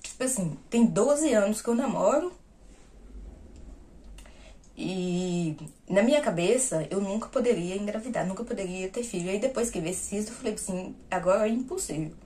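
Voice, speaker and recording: Woman vlogger chatting to the camera, mid-pitched voice, retelling stuff and acting out who said what. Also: expressive, moderate pace, mellow. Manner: chatty, acts out the dialogue she retells; talks straight to viewers as "gente". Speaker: vlogger sharing personal news. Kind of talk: casual personal storytelling.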